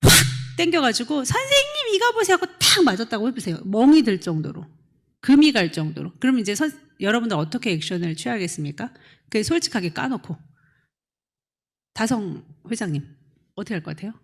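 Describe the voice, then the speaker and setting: A middle-aged woman pastor delivers a lively sermon to a young adult congregation in a mid-range voice at a fairly quick pace. She's animated, acting out quotes and calling on listeners by name with questions.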